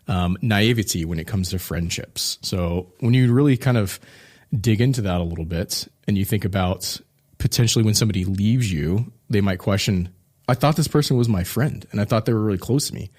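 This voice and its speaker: A middle-aged man co-hosting a podcast, upbeat as he explains plans step by step in casual chat. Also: on the low side. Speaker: podcast co-host.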